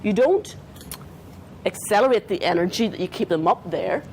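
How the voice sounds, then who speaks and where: Animated Australian woman presenter. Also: mid-range voice, normal speed, slight background noise. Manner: animated, acts out client dialogue, talks with her hands. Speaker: trauma therapist presenting to counsellors. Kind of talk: conference talk. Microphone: not handheld, clip-on.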